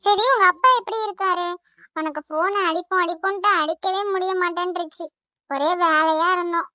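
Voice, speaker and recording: A woman's voice: extremely high pitch, fairly even intonation, a little fast, bright, forceful tone, no echo, lo-fi sound. A woman voicing a harried, scolding Tamil mother in a cartoon, speaking with a Tamil accent. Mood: kindly. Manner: scolding, blunt insults.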